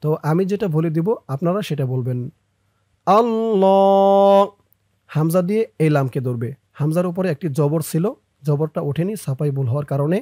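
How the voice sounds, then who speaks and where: A man with a Bangladeshi Bengali accent teaching a prayer by slow recitation, spelling out each Arabic letter and vowel mark and drawing out the chanted words. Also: fairly high pitch, mellow, dry recording, studio quality. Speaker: Islamic teacher.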